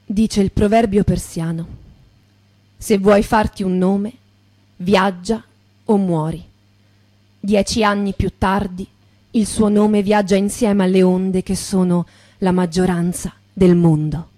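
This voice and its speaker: A woman giving a measured, grave dramatic reading of literary prose. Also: mid-range voice, fairly even intonation, dark tone.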